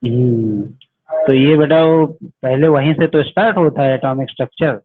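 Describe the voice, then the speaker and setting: A man teaches physics in a fairly high voice, quizzing his students and answering for them. The sound is thin and phone-like. He talks to the class as "beta". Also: steady tone, normal speed. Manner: addresses students as "beta", asks questions and answers them himself. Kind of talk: online class lecture. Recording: tinny phone-like audio.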